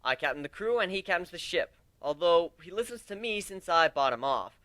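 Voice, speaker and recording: Brash griffin captain played by a man, high, swooping, commanding delivery for a fantasy story. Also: animated, a little fast, no room sound. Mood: loud, commanding. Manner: loud, commanding, speechifying. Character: brash, cocky male griffin captain addressing his crew.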